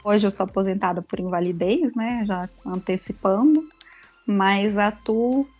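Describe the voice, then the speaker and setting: A Brazilian woman, a podcast guest, telling her story in a lively, animated way. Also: medium pitch, a little slow, lo-fi sound, faint music behind. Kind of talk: casual storytelling interview.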